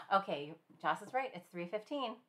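A woman teaching a live-streamed finger painting class in a chatty, gentle way, with many fillers and small laughs. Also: medium pitch, animated, moderate pace. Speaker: art instructor.

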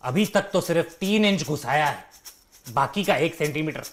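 A woman's voice: sits low, expressive, moderate pace. A performer voicing a cheeky schoolboy who talks back to his teacher in a comedy sketch. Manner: cheeky, cheerful back-talk.

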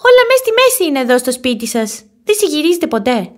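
Woman voicing a shrill whiny bunny boy. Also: sing-song. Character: stubborn young boy bunny, quick to sulk. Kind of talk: storybook reading.

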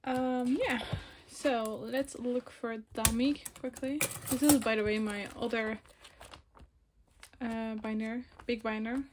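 Filmed on a phone camera against a noisy background, this vlogger sorts photocards while chatting in a meandering, soft-spoken way, often correcting herself. She's a Belgian woman in her twenties whose first language is Dutch, and her slightly high voice moves slowly with fairly even intonation.

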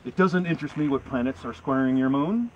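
A middle-aged man with a medium-pitched voice reads poetry aloud to a small group in a wooded outdoor setting, acting as presenter. He phrases each line in an earnest, deliberate, emphatic way. The slightly muffled audio comes from a camera mic a few meters away, with faint ambient sound.

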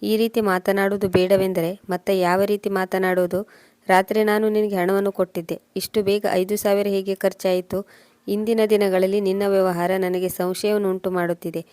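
A woman reads a worried young wife from a storybook, in an even, pleading way. The voice stays level and mellow. The sound is dry and close. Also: medium pitch, normal speed, no echo, natural voice.

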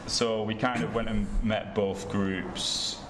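A photographer speaks informally on a panel in a large gallery room before a seated audience, his voice fairly low, flat and slow. A distant camera microphone picked him up from far off, so the room sounds echoey and noisy.

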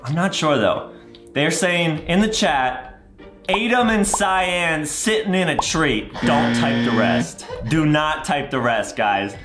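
This young adult gaming host from America speaks slowly in a fairly high, animated voice, hamming up his kid-friendly commentary with drama, childlike exaggeration and repetition. The indoor recording room sounds roomy, and music plays in the background.

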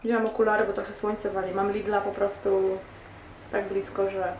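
A woman's voice: flat delivery, moderate pace, a little mellow. A woman in her twenties from Poland chatting casually to her camera in an offhand, slangy, rambling way. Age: 20s. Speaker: vlogger. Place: outdoors on streets and platform, aboard a train. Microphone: camera microphone at arm's length. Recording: noisy handheld camera, traffic and travel rumble.

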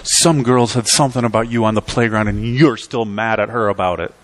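Standing at a church lectern, a middle-aged pastor preaches a sermon with a steady tone and a slightly fast pace. His delivery is emphatic and rhythmic, with sweeping swings from loud peaks to quiet drops.

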